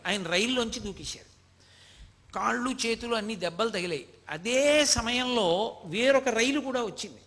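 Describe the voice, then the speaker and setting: Male devotional speaker, high and bright, storytelling, quotes scripture. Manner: storytelling, quotes scripture, addresses listeners directly. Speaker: spiritual speaker. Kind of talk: devotional discourse.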